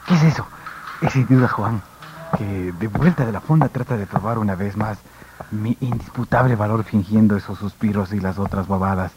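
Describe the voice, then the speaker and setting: A teasing young prankster on an old radio show. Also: male voice, on the low side, normal speed. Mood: scheming. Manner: teasing, irreverent. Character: mischievous young male student prankster. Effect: old radio show broadcast sound. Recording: muffled old radio recording with faint hiss.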